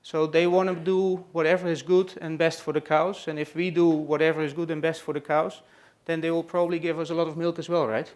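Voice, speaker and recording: With a fairly high, slightly mellow voice and little pitch movement, a Dutch man from the Netherlands introduces a family to a live audience. He talks a little fast with few pauses while hosting a farm tour session in a trade expo room. He hesitates often, relying on "uh" and "let's say."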